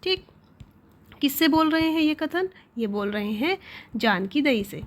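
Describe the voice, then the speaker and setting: A woman with a fairly high voice teaching a story line by line. She poses a quick question, then answers it herself in a patient, explanatory way. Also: expressive. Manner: asks and answers her own questions. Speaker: Hindi teacher.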